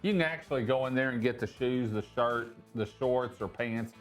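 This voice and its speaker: A man's voice: medium pitch, normal speed, faint music behind. A man hosting a casual local interview, upbeat and promotional as he guides the talk. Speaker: interview host.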